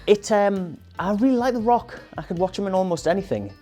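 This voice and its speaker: A man's voice: sits high, expressive, a little fast, mellow, soft background music. A man, a panelist in a casual chat, dry and sardonic.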